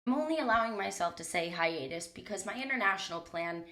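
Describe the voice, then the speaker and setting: Animated and fast-talking, a young woman with a mid-range, bright, forceful voice hosts her own solo podcast. She's a little stuffy from a cold, speaks candidly and casually with some swearing, and records on a mic in a small closet.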